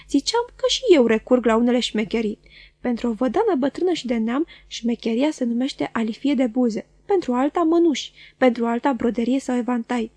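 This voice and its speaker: A woman's voice: on the high side, mellow, no echo. A woman voicing a sly, chattering middle-aged female dwarf who teases and gossips, in a storybook reading. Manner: quick, teasing, knowing.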